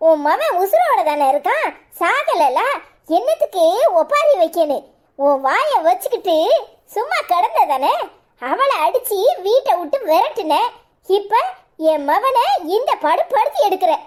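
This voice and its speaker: A woman's voice: darkish tone, heavily acted. A woman voicing a bitter, grieving old mother-in-law in a cartoon, scolding in a Tirunelveli Tamil accent. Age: older. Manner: shrill, scolding, wailing complaints. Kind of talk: cartoon voice acting.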